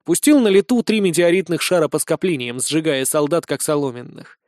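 Guy reading a fantasy audiobook, highish voice, dry close sound. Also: animated, a little fast, darkish tone, dry recording. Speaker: audiobook reader. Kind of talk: first-person fantasy audiobook narration.

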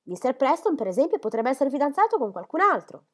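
A woman's voice: high voice, big pitch swings, quick pace, voice pushed up. A woman voicing an earnest young girl who speaks in a pleading, indignant way.

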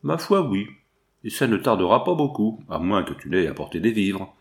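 A man's voice: lowish voice, sing-song, normal speed. A man reading the part of a mocking, gloating old male villain in disguise in an audiobook.

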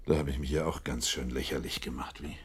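An actor playing a loyal, shaken doctor in a German radio drama, speaking in a troubled, reflective, conversational way. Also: male voice, very deep voice, fairly even intonation, quick pace, slight background noise. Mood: embarrassed, indignant. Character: loyal male doctor friend, shaken and indignant.

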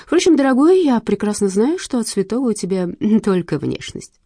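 A woman's voice: a little high, very animated, a little fast, warm tone, dry recording, studio quality, pitched above the performer's own voice. A woman voicing a scheming widow who talks in a sweet, mocking purr. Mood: sweetly menacing. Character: scheming purring widow, middle-aged woman.

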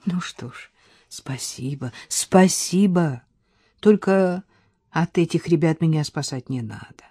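A woman voicing a frail, kindly old man who speaks softly and mildly, sometimes in a near whisper. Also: sits low, slow pace, slightly rough, dry recording, studio quality, exaggerated voice. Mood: gentle.

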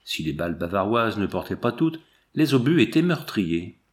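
Homme au débit posé, narration de livre audio. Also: male voice, lowish voice, very animated, moderate pace. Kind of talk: scripted narration of a memoir.

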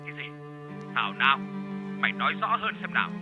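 A man voicing a furious, domineering older father who shouts and swears. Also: mid-range voice, big pitch swings, quick pace, dull audio, over music, close to an everyday voice.

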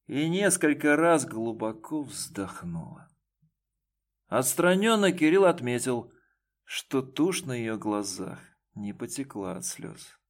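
A male narrator reads an audiobook slowly. His pitch sits in the middle and his reading is measured and even. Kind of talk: scripted narration.

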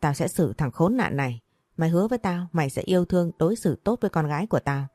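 A woman's voice: lowish voice, expressive, no echo, clean studio sound. Woman voicing a furious hot-tempered old father. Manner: furious, rapid shouting threats.

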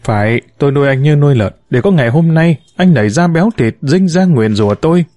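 A man's voice: on the high side, expressive, quick pace, dry recording, studio quality, close to an everyday voice. A man voicing a bitter, wounded middle-aged mother who reproaches and laments to her son in an audiobook story. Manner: reproachful, lamenting, sharp-tongued.

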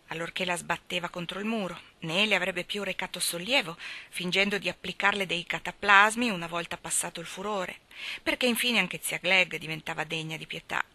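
A woman reading a classic novel aloud with expressive, measured narration. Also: fairly low pitch. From Italy. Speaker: reader.

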